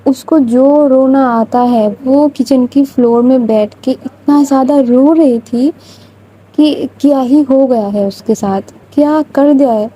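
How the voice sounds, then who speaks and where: A woman's voice: high voice, dark tone, breathy edge, poor audio. A woman telling a love story in a casual, chatty, rambling way.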